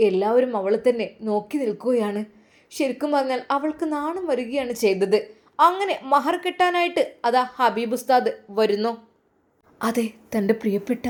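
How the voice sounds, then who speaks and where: A woman with a fairly high voice tells a wedding story in a Malabar Malayalam accent. She draws out her phrases and leans into the feeling of each moment. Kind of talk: dramatic story narration.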